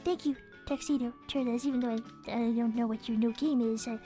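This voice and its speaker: A woman's voice: a little high, steady tone, a little fast, warm tone, soft background music, lightly acted. A woman voicing a polite, timid little cartoon rabbit girl, hesitant and earnest in an improvised livestream.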